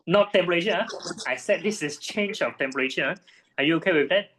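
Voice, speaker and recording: A man's voice: a little high, fairly quick, a bit bright. A man tutoring a student one-on-one in physics, patiently checking her understanding with frequent tag questions.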